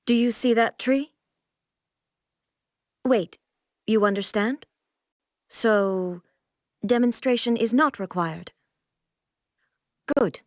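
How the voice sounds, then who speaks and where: An actress playing a regal, aloof immortal shogun in a video game, speaking in a formal, stately, measured way. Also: female voice, mid-range voice, no echo, clean studio sound, lightly acted. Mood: stern, composed. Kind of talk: scripted video game character voice lines.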